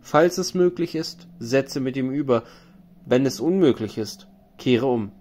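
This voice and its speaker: A man's voice: medium pitch, lively intonation, measured pace, a little mellow. A man reading a grave tavern keeper woman. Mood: warning. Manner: grave, warning recitation. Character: wise female tavern keeper, stern counsel.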